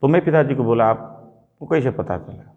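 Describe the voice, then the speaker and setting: A man's voice: medium pitch, moderate pace, phone-quality sound. A man from Nepal, a native Nepali speaker, preaching a sermon and telling a childhood story, acting out the dialogue. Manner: animated storytelling, acts out quoted dialogue.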